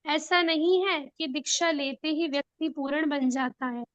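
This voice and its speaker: A woman's voice: high-pitched, unhurried, a bit bright, dry recording. A woman reading out a daily quote with formal devotional greetings.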